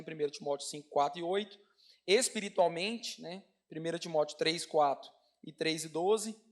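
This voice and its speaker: A man with a Brazilian Portuguese accent, a pastor preaching a storytelling sermon and calling out to the congregation as brothers. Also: high voice. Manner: animated, addresses congregation as brothers.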